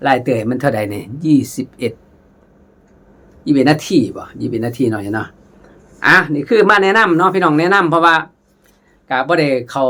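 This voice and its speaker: A man with an Isan accent giving a casual khaen lesson, chatting warmly to viewers as brothers and sisters and sometimes singing melodies in syllables. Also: mid-range voice. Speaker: khaen teacher.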